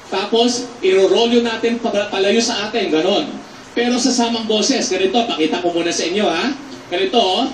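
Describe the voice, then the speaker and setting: A man, a theater actor, patiently teaching voice and breathing exercises on a TV show, breaking into loud demonstration shouts. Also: high-pitched, fairly quick, slight background noise. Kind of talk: instructive voice lesson on a TV show. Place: TV studio with a live audience. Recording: echoey studio, mic some distance off.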